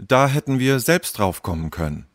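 A man voicing a quiet, strict young boy in a children's story. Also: medium pitch, sing-song, dry recording, clean studio sound, voice pushed up, close to an everyday voice. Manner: slow, firm.

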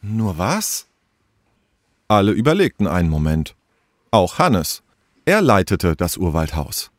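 Male storyteller for a children's audiobook, low and very lively, dry close recording. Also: normal speed, no echo. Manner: lively storytelling, shifting voice for each character. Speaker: narrator.

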